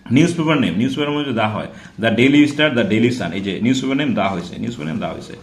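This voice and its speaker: A man's voice: mid-range voice, animated, quick pace, creaky, reverberant. A man teaching an English grammar lesson in a casual classroom style, repeating example words and checking in with rhetorical questions.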